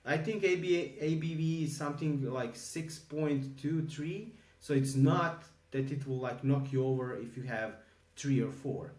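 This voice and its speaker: A man from Croatia co-hosting a podcast in casual chat, halting with many fillers and restarts. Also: medium pitch, darkish tone, distant mic. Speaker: podcast co-host. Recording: echoey room, a bit off-mic.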